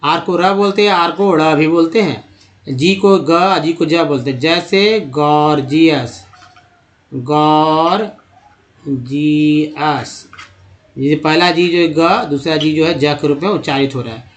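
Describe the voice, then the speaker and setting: A man teaching a spoken lesson over slides. He explains step by step, repeats words slowly and calls his viewers friends. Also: on the high side. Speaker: English teacher.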